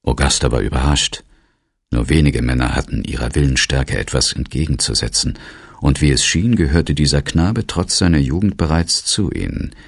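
A man reading an audiobook novel as narrator in a measured, even storytelling manner. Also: a bass voice, husky, no echo, studio quality. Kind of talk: scripted narration.

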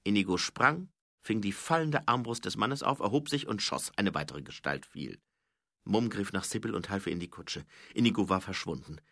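A male audiobook narrator with an expressive, dramatic delivery. His voice is bright and lively in pitch, recorded dry and close. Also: normal speed, gravelly, no room sound.

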